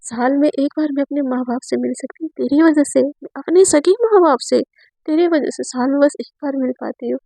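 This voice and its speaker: A woman's voice: high-pitched, a little fast, creaky, warm tone, no room sound. A woman voicing a mischievous, resentful young woman who teases her best friend mockingly. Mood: bitter. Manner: teasing, mocking.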